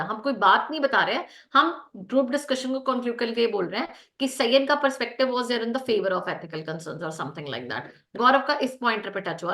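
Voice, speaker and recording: A woman with an Indian accent giving brisk corrective feedback and a lecture on a video call, mixing Hindi and English. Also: a little high, fairly bright tone. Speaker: group discussion trainer.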